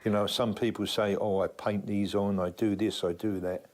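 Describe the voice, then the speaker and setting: A man's voice: lowish voice, little pitch movement, moderate pace, a little mellow. A man speaking as a spiritual healer, explaining things to a camera in unscripted talk.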